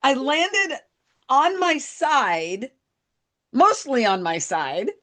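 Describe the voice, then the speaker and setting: A woman's voice: sits high, sing-song, very slow, a bit bright. A middle-aged woman co-hosting a podcast, telling a story in casual chat and laughing at herself. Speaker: podcast co-host.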